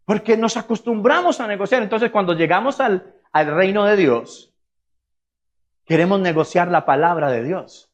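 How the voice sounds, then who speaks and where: A man preaching a sermon as pastor, emphatic and lively, often mimicking people's excuses. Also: sits high, moderate pace, dull audio. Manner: emphatic, acts out congregants' excuses in funny voices. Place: church sanctuary.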